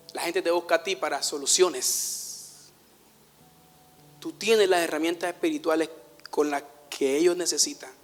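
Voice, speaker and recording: A man preaching a sermon, telling personal stories in an animated way, laughing at himself and dropping to a hush in tender moments. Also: on the high side, big-room sound. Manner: animated storytelling, laughs at himself, swings from loud to hushed. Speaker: pastor.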